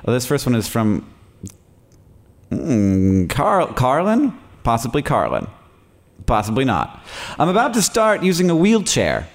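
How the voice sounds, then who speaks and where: This American podcast host, a man in his late thirties, performs on stage for a live audience, spinning self-mocking stories punctuated by frequent laughter. His mid-range voice swoops wildly in pitch, and he speaks a little slowly.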